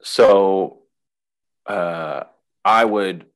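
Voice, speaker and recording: In a relaxed webinar chat, a male counselor and guest talks very slowly in a low voice. He reflects as he goes, with many restarts and repetitions.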